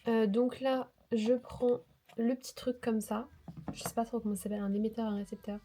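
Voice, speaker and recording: A woman's voice: on the high side, level tone, a little fast, warm tone, slight background noise. A woman vlogger with a cold, talking in a nasal voice, chatting casually and rambling with self-mocking asides. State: sick with a cold. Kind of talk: casual vlog chat. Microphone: lapel mic into phone.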